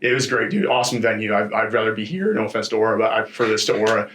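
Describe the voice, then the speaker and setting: A man speaking as a fighter in a casual post-fight interview, in an informal, rambling and animated storytelling way with slangy asides. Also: fairly low pitch, very fast, a little hiss or hum. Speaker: MMA fighter being interviewed after a bout.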